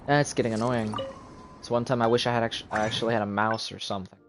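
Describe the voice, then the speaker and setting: A man streams a video game, offering casual live commentary in a fast, steady, mid-range voice. He mutters to himself and counts aloud as he plays, with game music running behind him.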